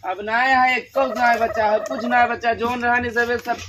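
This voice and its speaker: Man as a high-voiced, pleading village fellow. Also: level tone, normal speed, a crowd in the background. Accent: Awadhi. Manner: protesting, pleading. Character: pleading, cheeky village man harassed by police. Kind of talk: rural comedy sketch acting. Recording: noisy amateur recording with clicks.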